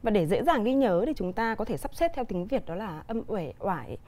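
A woman teacher with a Vietnamese accent, explaining a televised English grammar lesson clearly and deliberately with examples. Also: medium pitch, very animated, a little mellow.

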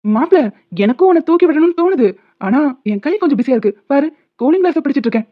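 A woman's voice: high voice, animated, quick pace, no echo. A woman voicing a smug, teasing male college principal who gloats and dodges blame, in a tinny phone-like recording. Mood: gloating. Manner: mocking, gloating.

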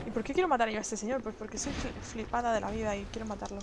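A young woman with an accent from Spain, commentating her gameplay live and breaking into loud shrieks when startled. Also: a little high, rapid-fire, very noisy. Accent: Spain Spanish. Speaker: game streamer.

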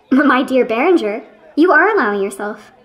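A woman acts the part of a pompous, irritable man in a radio play, sounding offended as he condescendingly and indignantly scolds a friend with fussy precision. The high voice rises and falls sharply and is expressive, fairly bright and moderately paced, though the audio is dull.

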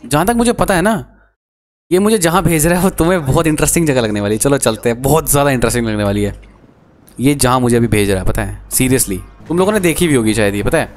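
A man giving chatty, excitable gameplay commentary as a gaming streamer, talking to his viewers. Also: mid-range voice, fast, faint music behind.

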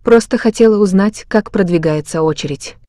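A woman calmly reading translations of short phrases, one after another. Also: medium pitch, normal speed, no room sound, studio quality. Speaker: translation reader.

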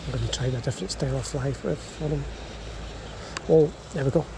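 Wading through a small river, this man fishes and vlogs in a slightly high, creaky voice, speaking fairly quickly. His murmured play-by-play is relaxed and punctuated by exclamations, and the outdoor action cam he wears picks up steady water noise throughout.

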